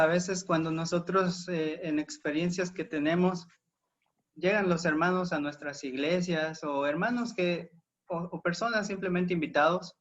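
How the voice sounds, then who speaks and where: Slow high-voiced Mexican pastor. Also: male voice, lo-fi sound. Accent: Mexican Spanish. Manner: hesitant, many fillers and restarts. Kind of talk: Sabbath school lesson discussion.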